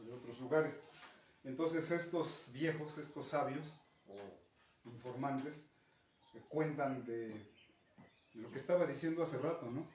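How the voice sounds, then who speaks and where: A man's voice: mid-range voice, darkish tone. Mexican man teaching in an echoey classroom. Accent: Mexican Spanish. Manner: patient, checks in with "¿no?" and "¿sí?". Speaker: Nahuatl language teacher. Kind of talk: classroom explanation. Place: school classroom. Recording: echoey classroom, distant mic, faint noise.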